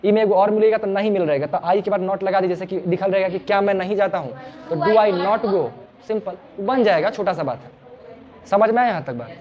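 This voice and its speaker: A man's voice: high voice, fairly quick, lo-fi sound. A man teaching English grammar informally in a small classroom, chatty and joking, often repeating his words. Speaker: English tutor.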